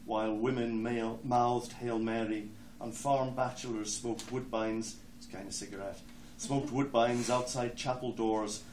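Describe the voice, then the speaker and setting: A man's voice: medium pitch, a little mellow. Irish man reading poems in an echoey hall. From Ireland. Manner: hesitant, many ums between phrases, slow deliberate verse. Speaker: poet. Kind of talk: poetry reading with spoken introductions. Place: lecture hall with an audience. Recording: echoey hall, distant mic, background noise.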